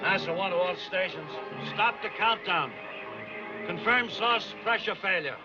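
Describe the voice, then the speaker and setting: A firm male test director issues clipped orders in a film drama. His voice is quite high for a man, on a dull soundtrack with music behind. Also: a little slow. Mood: firm, commanding. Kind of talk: clipped command radio talk.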